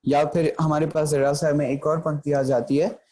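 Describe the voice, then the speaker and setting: Patient man teaching, mellow raised voice. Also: on the high side, level tone, slight background noise. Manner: patient, often checks in with the listener; recites verse lines slowly for emphasis. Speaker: Gurbani grammar teacher. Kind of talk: explanatory lecture.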